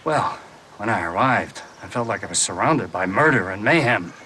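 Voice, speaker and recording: A man's voice: lowish voice, lively intonation, moderate pace, sharp tone, slight background noise. A man from the United States playing a genial, expansive antiques and manuscripts dealer who chuckles as he talks. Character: genial American male manuscripts dealer, jazz lover.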